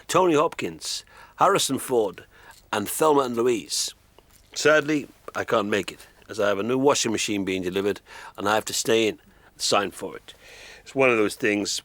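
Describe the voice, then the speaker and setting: An actor playing a vain, oblivious rock musician, talking in a deadpan, rambling way full of little fillers. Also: male voice, mid-range voice. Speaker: aging rock star. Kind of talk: mockumentary monologue.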